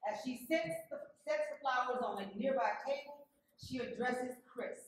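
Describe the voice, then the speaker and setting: Casting: female narrator, slightly high pitch, reading stage directions, heavily echoing and distant. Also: normal speed. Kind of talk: scripted narration. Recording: very echoey room, distant mic, faint noise.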